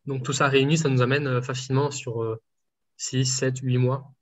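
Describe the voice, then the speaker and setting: A man's voice: mid-range voice, flat delivery, normal speed. A man working as a home nutrition dietitian, answering interview questions casually with many fillers and restarts. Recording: dull lo-fi sound.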